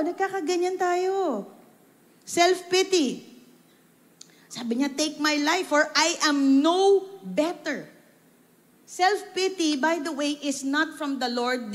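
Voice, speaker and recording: A woman pastor delivers an emphatic sermon in mixed English and Filipino, throwing rhetorical questions at her listeners. Her voice sits high. The sound carries a long reverb from a large church hall. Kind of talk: Taglish sermon.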